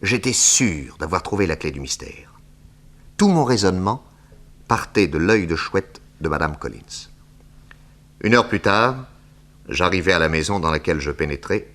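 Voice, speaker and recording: A deep, slightly bright male voice belongs to an actor playing a bold, self-assured detective hero. He both narrates and performs in a 1960s French radio drama.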